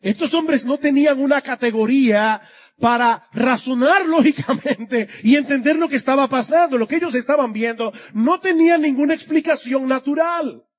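A male pastor with a very high voice preaches an expository sermon at a moderate pace. His tone is earnest, rising and falling for emphasis as he addresses the congregation.

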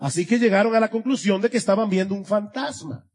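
A man's voice: high voice, fast, darkish tone. A man preaching an expository sermon to his congregation, earnest, with a voice that swells and drops for emphasis. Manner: earnest, rising and dropping for emphasis. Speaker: pastor.

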